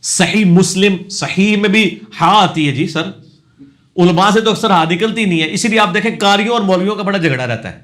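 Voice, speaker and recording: Male scholar, Punjabi accent, higher register, Q&A lecture, corrective and explanatory. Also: lively intonation, a bit bright. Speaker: religious scholar answering questions. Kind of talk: Q&A lecture on pronunciation.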